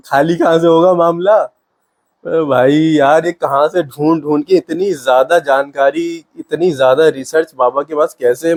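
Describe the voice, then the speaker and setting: A man's voice: a little high, darkish tone. A young man giving comic reaction commentary in a casual, amused, disbelieving way, often laughing. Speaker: reaction video host.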